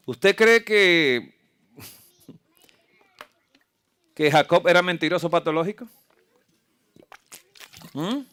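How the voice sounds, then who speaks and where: At a church camp meeting, a preacher and health lecturer delivers a sermon blending medical slides with scripture. His man's voice is high-pitched, a bit bright, and clean, and he keeps throwing rhetorical questions at the congregation.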